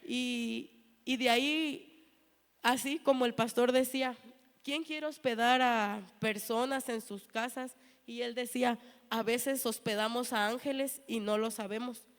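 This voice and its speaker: A woman's voice: fairly high pitch, fairly even intonation, unhurried. Earnest woman giving church testimony. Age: 30s. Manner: earnest storytelling, acting out quoted dialogue. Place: church hall. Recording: long hall reverb.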